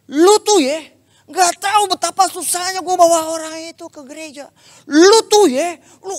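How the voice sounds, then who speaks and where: A man voicing an angry, scolding male friend who shouts at him in slang. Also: extremely high pitch, normal speed, voice pushed up.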